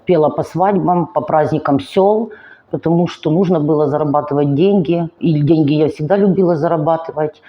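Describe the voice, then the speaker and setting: This deep-voiced Ukrainian vlogger in her 40s shares her own life in a confessional monologue, the audio dull. She is weary and finds talking difficult, so her earnest, emotional words come slowly and haltingly.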